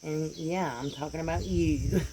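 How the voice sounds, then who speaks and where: With a low voice and moderate pace, this American woman vlogger makes casual, rambling chat about her dogs while sitting on a porch outside. She gets animated and gives voice to the dogs' thoughts, as birds and insects sound in the background.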